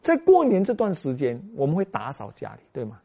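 A man preaching a sermon as a pastor, telling a story with animated delivery that swings between soft and loud. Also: fairly high pitch, fairly quick, gravelly. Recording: dull lo-fi recording.

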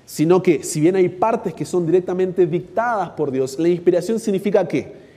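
A man's voice: sits high, normal speed, dark tone. A man with an Argentine accent teaching a Bible workshop, asking his audience rhetorical questions. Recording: long hall reverb.

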